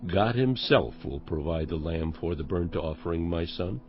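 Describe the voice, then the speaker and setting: Earnest, expressive low-voiced Abraham. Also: male voice, moderate pace, dull audio. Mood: devout, tender. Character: Abraham, earnest, devout patriarch and father. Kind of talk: dramatized audio Bible acting.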